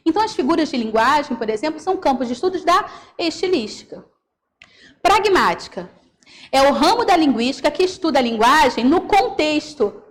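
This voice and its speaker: A woman's voice: high-pitched, very animated, fairly quick. A woman with a Carioca accent from Rio de Janeiro, a teacher giving a recorded class lecture over slides, explaining step by step and often checking in with her students. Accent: Carioca Brazilian Portuguese. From Rio de Janeiro, Brazil. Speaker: Portuguese teacher.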